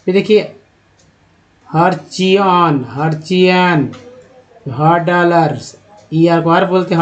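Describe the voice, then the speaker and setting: A man teaching English reading, slowly sounding out words and spellings one by one for his students. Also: on the high side. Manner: slow, drawn-out word-by-word pronunciation drills. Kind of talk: spelling and pronunciation lesson. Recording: dull lo-fi audio.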